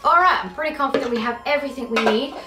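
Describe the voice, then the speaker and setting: Very fast, high-pitched, and sharp in tone, a young British woman rambles through a casual home cooking vlog. Chatty and self-mocking, she pokes fun at her own mistakes in an echoey kitchen where faint music plays.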